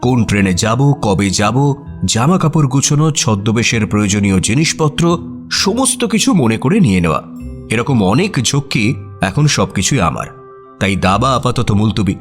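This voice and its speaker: In a radio drama, a male actor with a lowish voice plays a detective's good-humoured friend, narrating at a moderate pace in an expressive, wry, conversational way over soft background music.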